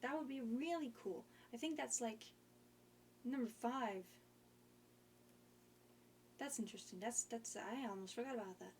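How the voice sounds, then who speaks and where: Young woman streamer, slow unhurried chat, slightly high voice, meandering with many ums. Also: darkish tone, a little hiss or hum. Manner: rambling, hesitant, many fillers. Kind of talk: casual chat.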